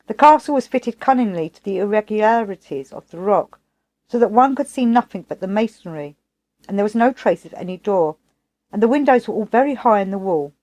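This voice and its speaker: A woman narrating an audiobook of a classic novel in a measured, unhurried way. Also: mid-range voice, warm tone.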